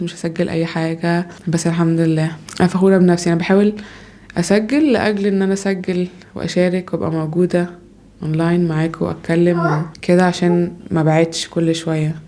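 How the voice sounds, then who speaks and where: A young Egyptian woman talks at a rapid clip in a rambling, self-doubting monologue at home. Her voice sits low and mellow and barely rises or falls. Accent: Egyptian Arabic. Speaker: podcaster, mother. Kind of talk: casual personal monologue.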